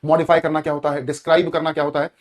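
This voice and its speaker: A man teaching an online grammar lesson in a Hindi accent, energetic, repeating key words and asking students questions. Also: a little high, very fast.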